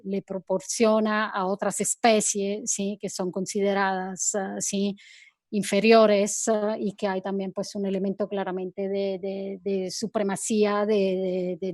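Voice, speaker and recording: Italian woman speaking halting, hesitant Spanish. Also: medium pitch, no room sound, clean studio sound. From Italy. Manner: hesitant, many repeated words and "¿sí?" checks. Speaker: guest photographer. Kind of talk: online talk interview.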